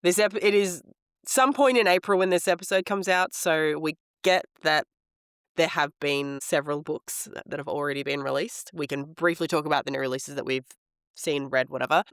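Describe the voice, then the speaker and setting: A male podcast co-host chats casually about books in a close, dry recording. His voice sits a little high and carries a smoker's rasp, hoarse from a head cold. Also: steady tone, normal speed, a bit bright, no echo.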